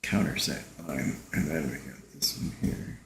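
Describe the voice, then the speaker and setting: A man's voice: very deep voice, measured pace, gravelly. A man casually thinking aloud while he sketches, musing and hesitant as he talks to himself. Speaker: artist streaming a drawing session. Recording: roomy echo with faint noise.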